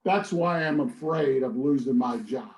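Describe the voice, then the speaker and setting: A man from Philadelphia reading his poems and short prose at a spoken word event, in a blunt, deadpan delivery. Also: mid-range voice, measured pace, reverberant, a little hiss or hum, low-quality recording. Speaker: poet reading his work.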